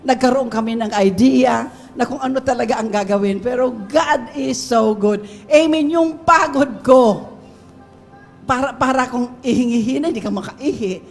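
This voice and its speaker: A woman giving a lively, laughing testimony in a church service, mixing English into her Tagalog. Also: on the high side, normal speed, faint music behind. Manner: animated storyteller, laughs often, mixes English into Tagalog. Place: church sanctuary. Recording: long reverb of a church hall.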